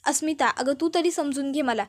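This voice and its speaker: A young woman begging to be forgiven, voice high and pleading, as a woman narrator puts her on. She keeps repeating her plea in a soap-drama recap. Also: a little fast, close to an everyday voice. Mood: hurt.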